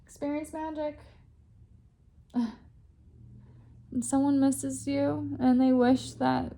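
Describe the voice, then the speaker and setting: Gravelly-voiced, chatty woman tarot reader. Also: high-pitched, flat delivery, slow, mellow. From California. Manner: chatty, giggly, full of fillers, emotional. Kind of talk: casual spoken tarot reading.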